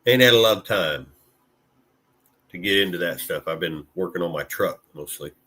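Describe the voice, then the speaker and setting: A very low-voiced man from Illinois chats with his stream viewers in a loose, rambling way. His talk is full of fillers and the odd curse. He sounds close to the mic. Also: lively intonation, normal speed, pushed and bright, breathy edge. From Illinois, USA. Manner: laid-back, rambling, with many fillers and mild swearing. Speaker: vlogger chatting with live viewers. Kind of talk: casual live-stream chat.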